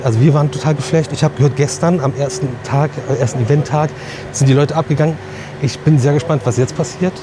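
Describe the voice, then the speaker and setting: Enthusiastic man vlogging over clear background noise. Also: mid-range voice. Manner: enthusiastic, slangy. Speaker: vlog host. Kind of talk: casual vlog chat to camera.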